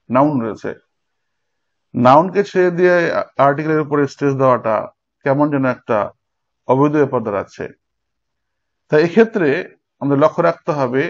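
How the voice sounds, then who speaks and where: A man teaching an exam-prep lecture, explaining step by step and speaking straight to his students. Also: mid-range voice. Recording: dull lo-fi recording.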